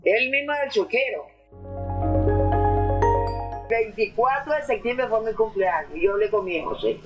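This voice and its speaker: A woman's voice: fairly high pitch, normal speed, loud music behind the voice, poor audio. Older woman, rambling grief. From Ecuador. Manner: rambling, breathless, calls listener mamita and mijo. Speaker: mother of a prison victim. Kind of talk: emotional testimony.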